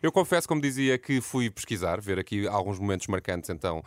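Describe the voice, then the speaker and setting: Portuguese man, fast playful podcast chat, low voice, dry studio sound. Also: animated, no room sound. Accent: European Portuguese. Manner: playful, laughs often. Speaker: co-host.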